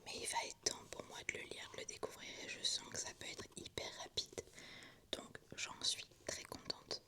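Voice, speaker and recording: A woman speaks entirely in a soft, breathy ASMR whisper, the hushed library kind. She presents books like a vlogger, with no full voice behind the words. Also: moderate pace. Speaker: book vlogger presenting a reading list.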